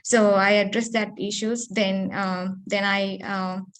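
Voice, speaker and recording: A woman's voice: medium pitch, level tone, slow pace. A woman in her thirties from Sri Lanka, a postdoctoral researcher answering seminar questions on a video call, hesitant with many fillers and restarts. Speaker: guest speaker, postdoctoral researcher.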